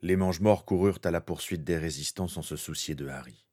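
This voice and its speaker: A man narrating a fan fiction story in a steady, dramatic way. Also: sits low, a little fast.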